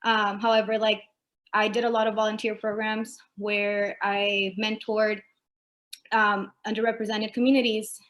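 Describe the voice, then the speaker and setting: A woman answers a panel question over a video call, her delivery level and even with little rise and fall. She speaks conversationally, leaning on fillers as she thinks aloud. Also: mid-range voice, unhurried. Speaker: panelist, first-generation student.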